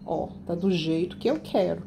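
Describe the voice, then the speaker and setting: A warm, creaky, lowish female voice moves at a moderate pace, with slight background noise. She's decorating a cake in her home kitchen for a casual tutorial, chatting to her viewers as "gente" and describing every step.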